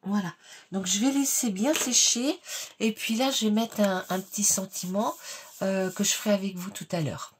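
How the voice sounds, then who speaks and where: A woman hosting a card-making tutorial at her home craft table, explaining each step in a chatty, unhurried way with many fillers. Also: medium pitch, slightly rough.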